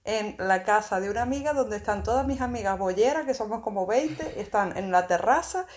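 A woman co-hosting a casual podcast from a friend's house, talking in a lively, chatty way and swearing freely. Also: medium pitch, fairly quick. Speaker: podcast co-host. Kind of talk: casual chat.

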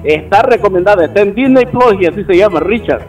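High-voiced man telling stories off-mic. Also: fast, far from the mic, rough recording. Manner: animated storyteller, acts out quoted voices, laughs a lot. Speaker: radio show co-host. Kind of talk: casual storytelling chat. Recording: voice a bit off the mic with faint music.

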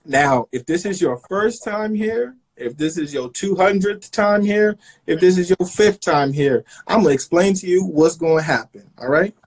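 A man hosting a live online chat show, lively as he explains the rules to viewers. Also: high voice, normal speed, slightly rough, low-quality recording. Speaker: host.

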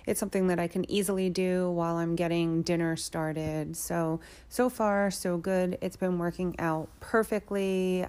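A woman's voice: on the low side, a little mellow. A woman hosting a solo podcast, talking casually and informally about her own life like a personal check-in. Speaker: podcast host.

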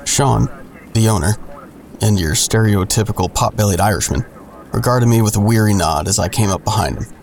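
An actor voices a man telling his own troubled story in a first-person audio drama, serving as both narrator and main character. His voice is on the low side, brisk and a little mellow, with vocal fry, and the mood is descriptive as he recounts his troubled past.

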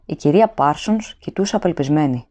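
A woman narrating an audiobook in a steady, even storytelling manner. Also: sits low.

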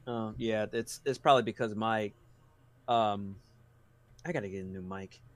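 A man's voice: on the low side, moderate pace. A man co-hosting a casual podcast chat over a replacement headset whose audio keeps cutting in and out, rambling and swearing casually. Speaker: podcast co-host.

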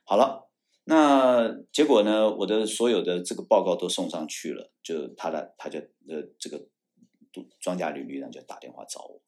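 This former military judge advocate from Taiwan has a low-sitting voice and a moderate pace. Recounting a story in a relaxed interview, he performs the quoted dialogue with animation, shouting the angry parts, while frequently restarting and repeating himself.

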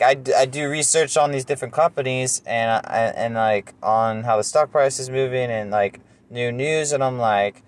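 A young man in his twenties with a noticeably nasal voice, talking alone into a home mic. He rambles casually, pads his talk with fillers and pokes fun at himself. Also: mid-range voice. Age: 20s. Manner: rambling, self-deprecating, full of fillers. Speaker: podcast host. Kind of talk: casual solo monologue.

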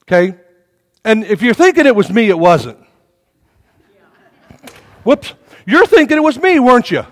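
A man's voice: very high-pitched, measured pace. A male pastor preaching a sermon, telling stories with acted-out voices and jokes in a church. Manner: animated storytelling, acts out voices, jokey. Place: church sanctuary. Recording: reverberant hall.

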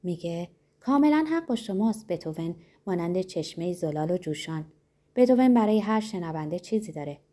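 A woman narrating a novel in a gentle, reflective storytelling manner, giving the characters' dialogue her own voice. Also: lowish voice, expressive.

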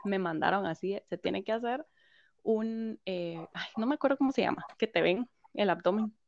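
Woman, interview guest, animated storyteller who quotes others; dry, slightly muffled recording. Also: mid-range voice, moderate pace, vocal fry, dry recording. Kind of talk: personal story in conversation.

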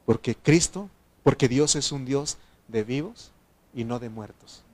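A man preaching a sermon to his congregation, talking about grief and resurrection, dropping to a soft, tearful tone and then rising to loud, fervent exhortation. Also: mid-range voice, a little slow. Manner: emotional, swings from soft to loud.

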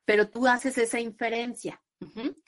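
On an interview podcast, a psychologist guest with a Mexican accent explains things at length in a conversational way, at normal speed. She brings in quoted voices using lively jumps in pitch.

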